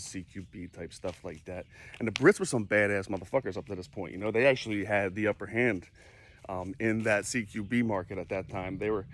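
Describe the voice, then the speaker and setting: A man's voice: lowish voice, a little hiss or hum. A man, telling a war story in a casual, profane, rambling way. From Philadelphia, USA. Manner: profane, laid-back, lots of "you know". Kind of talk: casual spoken anecdote.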